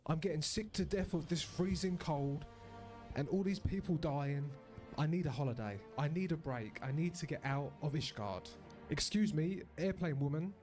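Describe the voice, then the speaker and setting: Weary complaining adventurer, a touch high, soft music under; a man voicing him. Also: moderate pace, lightly acted. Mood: fed up. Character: grumpy British male adventurer fed up with cold.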